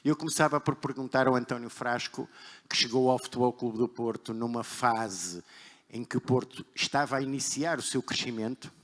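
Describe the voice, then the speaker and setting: A man's voice: medium pitch, normal speed, fairly bright tone. A man with a European Portuguese accent presenting live on stage as a panel host. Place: large hall stage before an audience. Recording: echoey hall PA, faint audience.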